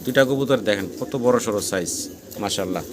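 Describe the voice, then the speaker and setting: A man with a Bangladeshi Bengali accent and a lowish voice hosts a pigeon seller channel, giving a fast sales tour of his farm. In rapid patter he repeats prices and offers frequent blessings as he shows each pair, while pigeons coo in the noisy recording.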